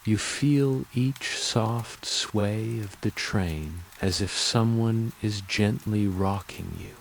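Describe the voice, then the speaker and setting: Slow, low-voiced male sleep story narrator. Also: vocal fry, a little hiss or hum, rough recording. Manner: calm, gentle, unhurried lulling delivery.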